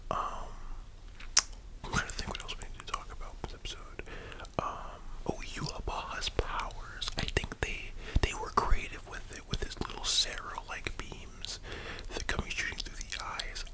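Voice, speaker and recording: Someone speaks in a soft, breathy whisper, musing casually like an ASMR host in a discussion video. The audio quality is poor.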